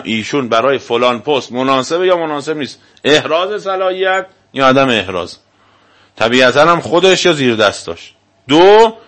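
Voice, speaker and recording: A man's voice: medium pitch, a bit bright. A male cleric giving a religious lecture to a live audience, arguing his point and firing off rhetorical questions. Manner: argumentative, fires rhetorical questions.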